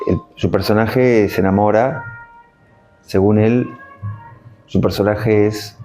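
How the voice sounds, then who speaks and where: A man's voice: fairly low pitch, mellow, muffled recording. A man with a Rioplatense accent, a guest artist chatting in an interview, reflective and meandering, often tossing in "¿viste?". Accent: Rioplatense Spanish. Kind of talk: casual interview chat.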